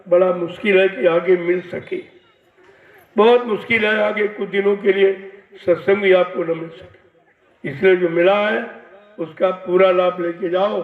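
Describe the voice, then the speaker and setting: Slow, high-voiced man preaching in an echoey hall. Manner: admonishing, warning the listeners. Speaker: spiritual teacher. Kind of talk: devotional sermon. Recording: echoey, distant, dull lo-fi.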